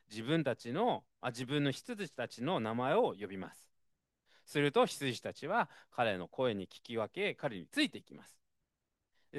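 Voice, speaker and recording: Male preacher, casual and expressive sermon, very lively pitch, dry close sound. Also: no room sound. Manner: conversational, expressive, frequent fillers.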